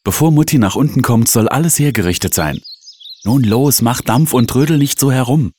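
A man voicing an eager, bossy young girl in a read-aloud storybook, raising his deep voice and sounding urgent. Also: very animated, fast, mellow, breathy edge.

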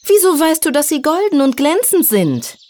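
A woman doing a high-voiced little helper fairy. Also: moderate pace, a little mellow, close to an everyday voice. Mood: pleading. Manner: high, pleading girlish voice. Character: little girl helper fairy, eager and pleading.

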